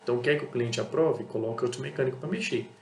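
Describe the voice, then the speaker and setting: A blunt Brazilian man talks casually, circling back on his points again and again. His voice sits at an ordinary pitch. The room is echoey, and a faint electrical hum runs underneath. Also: fast talker. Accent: Brazilian Portuguese. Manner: blunt, repetitive, acts out dialogues with customers. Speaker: auto parts seller and channel host. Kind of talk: casual monologue to camera.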